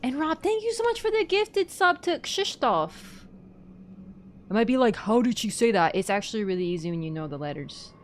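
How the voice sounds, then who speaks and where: A young woman from Canada chatting on a live stream, rambling, giggly and quick to apologize. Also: a little high, sing-song, a little hiss or hum. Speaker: livestreamer. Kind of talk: casual live-stream chat.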